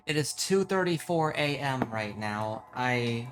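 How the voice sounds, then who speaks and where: Sounding like he just rolled out of bed, a man streams a game with informal, sweary commentary, explaining things as he plays. His medium-pitched voice is unhurried and fairly bright with lively intonation, and there's a slight hiss or hum.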